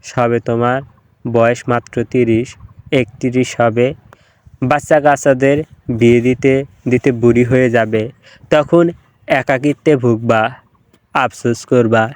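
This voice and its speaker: A man's voice: mid-range voice, fairly even intonation, takes it slowly, long pauses, a little mellow, clear, resonant tone, dry recording, lightly acted. A man voicing a pushy middle-aged village matchmaker woman who lectures insistently.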